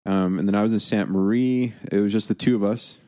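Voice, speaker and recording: A man's voice: lowish voice, fairly even intonation, fairly quick, darkish tone. A young man casually telling stories about his mission, laughing often as he talks. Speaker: guest. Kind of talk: casual storytelling.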